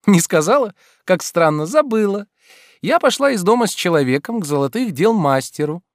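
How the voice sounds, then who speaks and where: A man voicing a playful, teasing young woman in an audiobook, lively and capricious. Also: high-pitched, moderate pace, no echo, studio quality, voice pushed up. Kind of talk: audiobook character reading.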